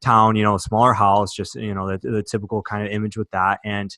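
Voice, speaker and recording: In a dry, clean studio recording, a young Michigan man appears as a podcast guest. His voice is fairly low, flat, fairly quick, pushed and bright, and he tells his personal story earnestly and emotionally with many fillers and restarts.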